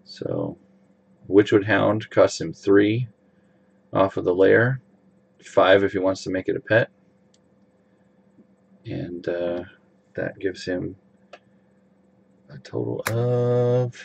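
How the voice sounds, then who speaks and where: Gravelly low-voiced man commentating. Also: takes it slowly, long pauses, muffled recording, a little hiss or hum. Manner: relaxed, explains mana costs. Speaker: game commentator. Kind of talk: casual game commentary.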